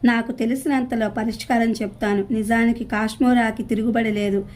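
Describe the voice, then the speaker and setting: A woman voicing a wandering male fakir mystic in a storybook reading, in her own calm, mellow voice. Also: fairly high pitch, a little fast, a little hiss or hum, close to an everyday voice. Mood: grave.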